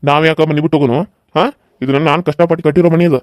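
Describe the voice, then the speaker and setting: A man with a North Karnataka Kannada accent voicing a stern, gruff father laying down the rules in a cartoon serial. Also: fairly high pitch, fairly even intonation, very fast, no echo, pitched below the performer's own voice, close to an everyday voice. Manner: gruff, commanding. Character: stern older father, house owner.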